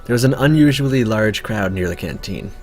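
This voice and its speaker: A man's voice: fairly low pitch, animated, brisk, soft background music. Man reading a visual novel aloud. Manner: reads narration, breaks off for chatty asides. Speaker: let's play gamer.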